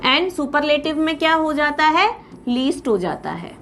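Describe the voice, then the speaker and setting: A woman with an Indian accent teaching English grammar in a patient classroom lecture, repeating word lists slowly and calling her students "beta". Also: high voice, big pitch swings, fairly bright tone, slight background noise.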